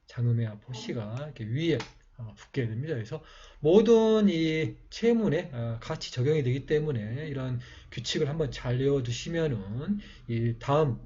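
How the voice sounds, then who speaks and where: A man slowly explaining how to write letters in a lesson, pausing often with fillers. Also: medium pitch, expressive, dark tone, slightly rough. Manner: slow, halting explanation with many fillers. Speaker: teacher. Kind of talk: calligraphy writing lesson. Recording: dull lo-fi recording.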